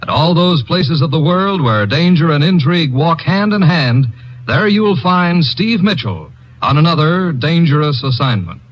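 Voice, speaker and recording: A male announcer introducing a 1950s radio drama in a booming, dramatic style. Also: animated, moderate pace. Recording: dull old radio broadcast. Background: loud theme music.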